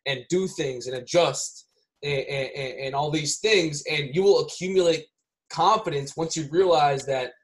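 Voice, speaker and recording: A man's voice: on the high side, moderate pace. A man talking casually on a podcast, rambling with many restarts and often ending lines with "right?".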